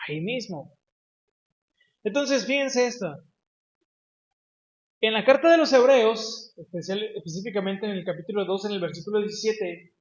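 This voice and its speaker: A man's voice: sits high, reverberant, highs cut off. A man with a Mexican accent preaching a sermon, teaching his congregation and often asking them questions. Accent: Mexican Spanish. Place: church hall.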